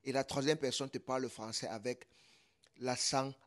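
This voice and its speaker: A man's voice: medium pitch, fairly even intonation, moderate pace. A man, presenting a casual tech tutorial and explaining patiently with repeated examples. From Cameroon.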